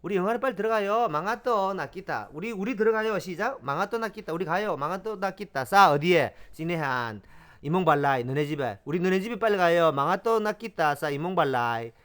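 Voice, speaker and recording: A man's voice: high voice, animated, fairly quick, a bit bright. A man hosting a homemade language lesson, drilling phrases aloud and explaining words with frequent fillers and repetition. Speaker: language teacher. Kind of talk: lively self-made language lesson.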